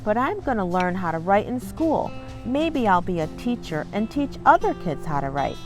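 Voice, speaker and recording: Hosting a children's read-along, a woman with a medium-pitched, very animated voice reads a storybook aloud at a normal pace. She adds warm, encouraging asides to viewers. Background music plays behind her voice.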